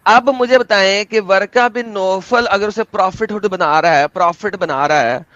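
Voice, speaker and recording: Theatrical high-voiced man on a debate call. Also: normal speed, a bit bright, no room sound. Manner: theatrical, emphatic, combative. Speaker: debate host. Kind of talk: live online debate. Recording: dull lo-fi dry sound.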